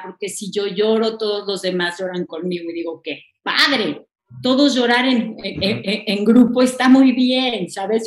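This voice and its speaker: Mexican lady thanatologist chatting on a podcast, expressive, kinda echoey room. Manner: expressive, swings pitch up when stressing points. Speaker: thanatologist guest. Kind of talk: casual podcast interview. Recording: roomy echoey sound.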